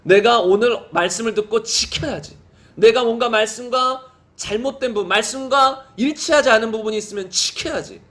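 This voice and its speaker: High-voiced Korean pastor preaching. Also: male voice, fairly bright tone. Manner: preaches with rhetorical questions, reads scripture slowly and solemnly. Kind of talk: sermon.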